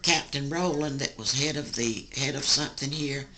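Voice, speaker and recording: An elderly woman with a Southern US accent, a sweet old lady telling family stories in a folksy, rambling, gravelly way. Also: rumbling low, moderate pace, noisy background. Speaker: grandmother recounting family stories. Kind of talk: casual oral storytelling.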